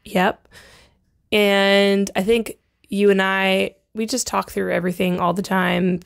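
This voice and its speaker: Woman chatting on a podcast, wheezy hoarse voice still coming back, lots of creak. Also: medium pitch, flat delivery, slow pace. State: voice hoarse and wheezy, recovering from laryngitis. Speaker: podcast co-host. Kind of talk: casual chat.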